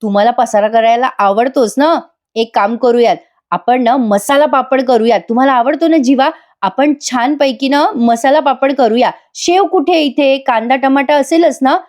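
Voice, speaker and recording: A woman voicing a cheerful, caring young wife in a soap recap, with a lively, fussing manner. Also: high-pitched, normal speed, natural voice. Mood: fussing cheerfully.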